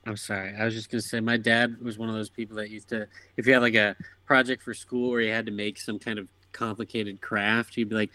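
A man's voice: lowish voice, flat delivery, brisk, hardly any pauses, pushed and bright, no echo. A man joking around on a casual podcast, telling stories with plenty of swearing. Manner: jokey, profane storytelling. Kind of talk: casual chat.

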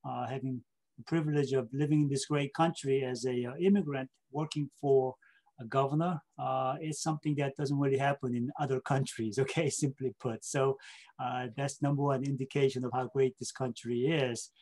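A man's voice: medium pitch, fairly even intonation, normal speed, dark tone. A man from South Korea speaking English as an interview guest, ending his points with tag questions and many filler uhs. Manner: ends points with tag questions like okay and right; frequent filler uhs and repeated words. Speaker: state government official, interview guest. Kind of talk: casual interview talk.

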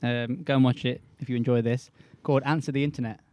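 A man in a podcast chat sets up hypothetical questions in a relaxed, offhand way. His voice sits at an average pitch with nothing strained about it. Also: fast. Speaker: podcast co-host asking questions. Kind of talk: casual chat.

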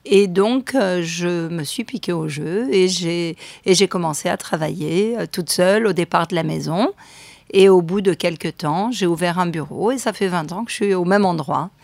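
A middle-aged French woman who works as a real estate agent is a guest on a radio show, talking chattily and hesitantly with lots of fillers. Her voice is fairly low, creaky, and darkish, at a moderate pace, with no room sound.

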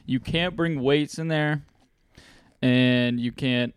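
A man co-hosting a podcast, telling a funny story in a casual, animated way with lots of laughter. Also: mid-range voice, slow pace, clear, resonant tone, no echo. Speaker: podcast co-host.

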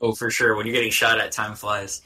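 A man's voice: lowish voice, little pitch movement, a little fast, pushed and bright. A man hosting a casual podcast, prompting his guests with questions and upbeat asides. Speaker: podcast host. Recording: dull lo-fi audio.

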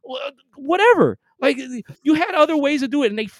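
A man's voice: extremely high pitch, expressive, a little fast, dry recording. A man hosting a podcast, ranting in a casual, gloating and heated way, full of profane trash talk. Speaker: podcast host.

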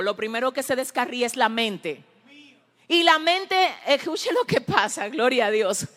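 High-voiced fervent woman preacher. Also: big-room sound. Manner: fervent, swings from loud exclaiming to hushed asides. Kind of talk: sermon.

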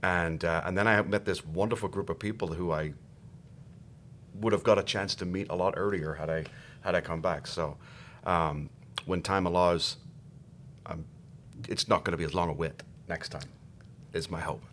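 Irish man, very low voice, stumbling casual chat, faint rumble behind. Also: fairly even intonation, fairly bright tone. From Ireland. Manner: halting, repeats words, self-deprecating. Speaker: guest actor.

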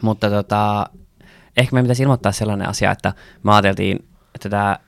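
A man's voice: on the low side, steady tone, gravelly. A young man co-hosting a casual podcast chat, swearing freely and acting out stories with quoted dialogue. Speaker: podcast co-host.

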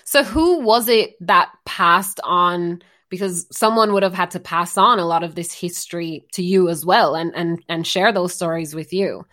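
A woman's voice: fairly low pitch, moderate pace, hardly any pauses, fairly bright tone. Curious woman podcast host. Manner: curious, asks follow-up questions. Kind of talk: casual interview.

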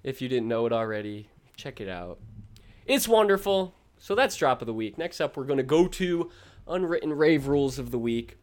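A man's voice: medium pitch, sing-song, normal speed. A man co-hosting a podcast in a playful, jokey casual chat. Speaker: podcast co-host.

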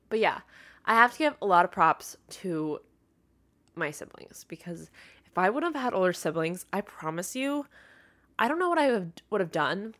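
A young woman at an ordinary middle pitch, talking through her own podcast in a loose, rambling way. She circles back on herself and fills gaps with asides, but she sounds open and heartfelt. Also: fairly bright tone. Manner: rambling and chatty, full of fillers and asides. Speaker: podcast host. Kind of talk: casual solo podcast monologue.

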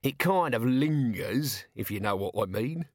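A suave, cunning ruler speaks with an unhurried, faintly amused smoothness, as a male narrator puts him on. His voice rides a little above the reader's own and moves with lively pitch. The recording is close and dry, with no room sound. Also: no room sound. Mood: silky.

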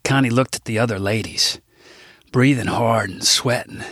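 A man's voice: medium pitch, moderate pace, fairly bright tone, no room sound, clean studio sound. A man reading his own comic novel aloud, with wry, irreverent asides to the listener. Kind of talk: comic audiobook narration.

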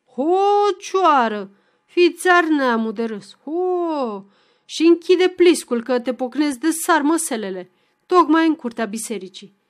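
A woman reads a hot-tempered young village man from a storybook, hoarse and commanding, flaring up loud. His voice sits fairly high for a man, and he barks his words like orders. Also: lively intonation. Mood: furious.

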